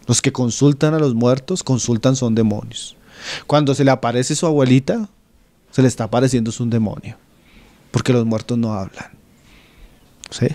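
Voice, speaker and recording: A man from Colombia preaching an expository Bible sermon, who keeps checking in with the congregation, calling them brother, and drops low at the ends of his phrases. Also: moderate pace, pauses often. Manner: keeps asking the flock "¿sí?" and "¿no?", calls them "hermano"; swings between loud quoting and low, trailing phrase ends.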